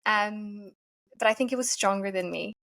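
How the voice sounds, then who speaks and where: A woman from Portugal, a yoga teacher giving earnest, thoughtful interview answers and often pausing to find her words. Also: mid-range voice, fairly bright tone. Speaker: podcast guest, yoga teacher.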